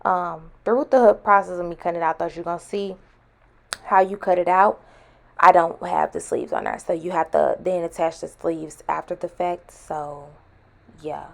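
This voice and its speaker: Creaky-voiced woman with retainer-slurred speech. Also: lowish voice, fairly even intonation, moderate pace. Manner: chatty, informal, addresses viewers as y'all. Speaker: host of a sewing vlog. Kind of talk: casual voice-over tutorial.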